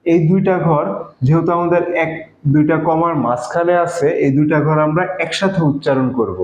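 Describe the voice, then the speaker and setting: A man's voice: on the high side, slight background noise. A man with a Bangladeshi Bengali accent teaching a math lesson step by step, patiently, with many fillers. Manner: patient, explains slowly with fillers. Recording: echoey room, dull lo-fi sound.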